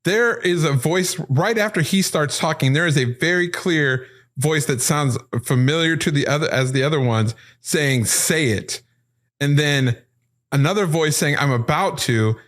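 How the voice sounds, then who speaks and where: A man hosting a paranormal podcast, explaining recorded clips step by step in an excited, casual way. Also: a little high, normal speed. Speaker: podcast host.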